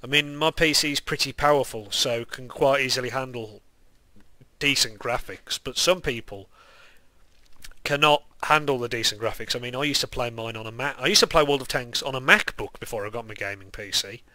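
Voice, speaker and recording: A man's voice: mid-range voice, fairly quick, hardly any pauses, pushed and bright, no echo. A young man with a lisp and whistling s sounds, giving casual, rambling, self-deprecating game commentary. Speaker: gaming video maker.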